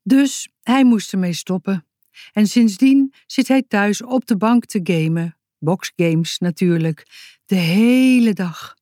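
A woman reading a children's book aloud in a clear storytelling manner. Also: fairly low pitch, warm tone, dry recording, clean studio sound. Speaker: audiobook narrator. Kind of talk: scripted narration of a children's book.

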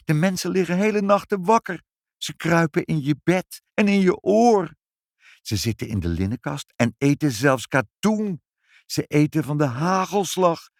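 A man's voice: unhurried, no room sound, clean studio sound. Een man die met hoge, beweeglijke stem een moeder uit een kinderverhaal speelt. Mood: lively recital. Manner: animated, high, expressive. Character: lively, caring mother in a storybook.

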